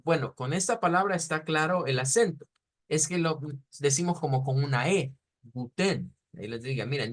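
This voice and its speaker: With a voice that runs a little high, this man teaches German online, though Spanish is his native tongue. He explains things patiently and models each sound through slow repetition.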